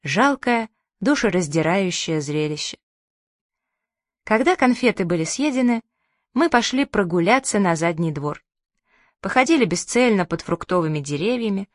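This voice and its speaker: A woman narrating a children's story as an audiobook in a lively storytelling manner. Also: medium pitch, no room sound, studio quality. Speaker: audiobook reader.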